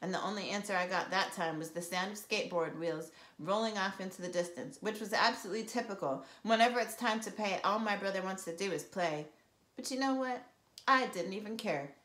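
A woman teacher reading a children's novel aloud in a lively storytelling way, with a roomy echo. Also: mid-range voice, a little fast.

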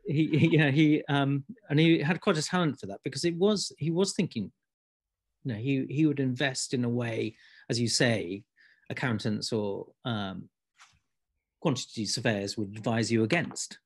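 Halting man talking architecture. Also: medium pitch, husky. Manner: hesitant, many restarts. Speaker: architecture practice principal. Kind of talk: panel discussion.

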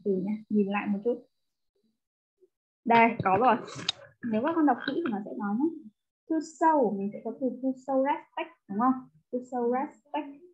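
A woman tutors a single pupil in English, walking through each word patiently. Her voice sits a little high. It comes through a thin, phone-like line. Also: moderate pace, pauses often, a little hiss or hum. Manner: explains step by step, mixing English words into Vietnamese. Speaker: English teacher. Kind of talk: one-on-one tutoring lesson.

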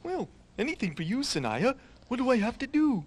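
A woman voicing a grumpy, proud puppet creature on a children's show who talks in a slow, grudging drawl. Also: fairly high pitch, big pitch swings, slightly rough. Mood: reluctant.

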